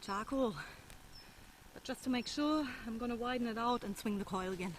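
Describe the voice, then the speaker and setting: Calm Australian woman detecting outdoors. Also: fairly high pitch, fast, background noise. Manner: calm, explanatory, a little out of breath. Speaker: gold prospecting vlogger. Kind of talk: casual outdoor vlog narration. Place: outdoors in the bush.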